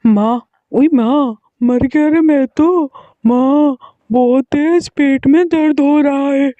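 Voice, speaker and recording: A woman's voice: mid-range voice, a little slow, dark tone, slightly rough, no echo, muffled recording, voice pushed down. A woman voicing a greedy, spoiled boy who whines and demands food. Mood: in pain. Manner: whiny, demanding.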